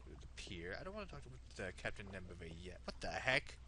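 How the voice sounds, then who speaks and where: A man's voice: low voice, very animated, fast, bright, forceful tone, soft background music. A man hosting a let's play with casual, joking commentary, reacting aloud to the game.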